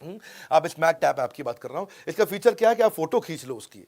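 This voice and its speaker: A middle-aged man lectures with punchy emphasis, his voice sitting a little higher than most men's. He hammers home each tip and circles back to repeat it, switching freely between Hindi and English words. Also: animated, brisk, a little mellow. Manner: emphatic, repeats points, acts out film dialogues in a lowered voice. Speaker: motivational speaker teaching English learning tips.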